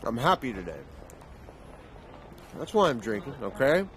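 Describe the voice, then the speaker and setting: For the English dub of a TV drama, an actor voices a middle-aged single father who sidesteps his daughter's questions. His mid-range, fairly bright voice is very animated at a normal speed, gruff and evasive as he brushes her off, with faint background noise.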